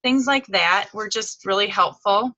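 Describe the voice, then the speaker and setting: A woman with a bright, forward voice recaps a weekend of tips over a video call, chatty and informal, with plenty of "um" and "like" fillers. Her voice sits at an ordinary middle pitch. The sound is dry and close, with almost no room around it. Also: a little slow, no echo, dull audio. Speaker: guest speaker. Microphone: video call microphone.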